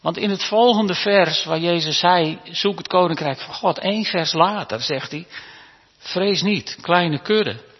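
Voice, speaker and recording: A man preaching a sermon to his congregation in a church, talking warmly and conversationally, asking them questions and sometimes restarting his words. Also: high-pitched, measured pace, slightly rough. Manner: stammering restarts. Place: church hall. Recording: reverberant hall, dull lo-fi sound.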